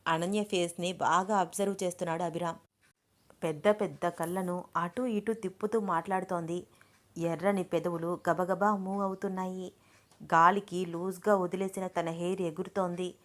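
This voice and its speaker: A woman's voice: on the low side, moderate pace. Woman storyteller reading a romance. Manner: steady descriptive narration.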